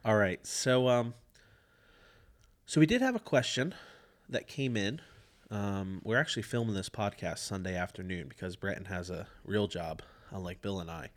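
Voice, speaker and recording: Low-voiced, punchy podcast host man. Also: normal speed. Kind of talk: casual podcast discussion.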